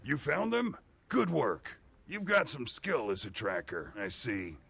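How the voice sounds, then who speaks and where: A man's voice: medium pitch, wildly swooping pitch, unhurried, gravelly, a bit bright, slightly rough, full character voice. An actor playing a weary male village leader in hiding in a video game, speaking with grave earnestness. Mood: solemn. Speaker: game character.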